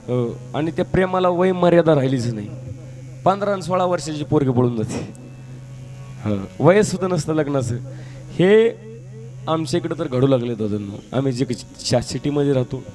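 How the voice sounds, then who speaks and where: A man's voice: medium pitch, animated, moderate pace, darkish tone. A male folk devotional performer delivering a sermon-style talk, exhorting the audience with rhetorical questions and repeated appeals.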